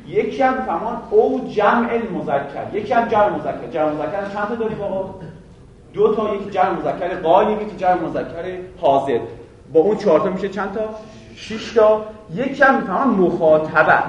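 A man's voice: sits high, a bit bright, a little hiss or hum. A man teaching a grammar lesson to a class, firing questions at the students and answering them himself. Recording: very echoey room from far off.

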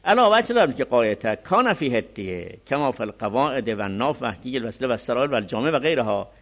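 Male seminary teacher, mid-pitched, animated intonation, alternates slow reading with quick commentary. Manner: reads Arabic text slowly, then explains it quickly. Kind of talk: religious law lecture.

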